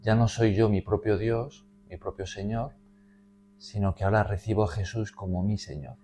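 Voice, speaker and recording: A man's voice: fairly low pitch, normal speed, warm tone, a little hiss or hum. A man leading a Bible study, explaining a passage in a teacherly way and often checking in with his listeners.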